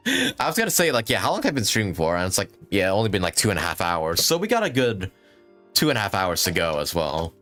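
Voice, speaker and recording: A young man streaming a game, tossing out jokes, laughs and curses in casual chat. His pitch swings wildly, with faint game music behind him. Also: huge pitch swings, fast, a bit bright. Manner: laughing, swearing, joking reactions. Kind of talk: casual live-stream commentary.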